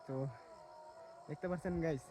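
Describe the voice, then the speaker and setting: While walking outdoors through mustard fields, a Bangladeshi man vlogs to the camera he holds, chatty and colloquial, often saying "ঠিক আছে". His voice is mellow at a normal speed, with soft music in the background.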